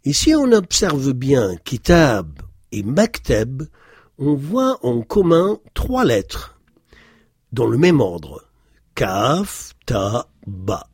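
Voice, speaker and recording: A man giving a recorded language lesson, explaining patiently with many hesitations and slowly repeating words to model their pronunciation. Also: medium pitch, a little mellow, husky, no echo, studio quality. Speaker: Arabic teacher.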